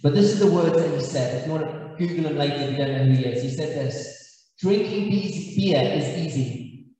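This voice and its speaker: A man from South Africa, a pastor, preaching a sermon and telling funny stories with lively energy. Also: on the high side, quick pace. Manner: animated storytelling with humor. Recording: echoey hall from far off.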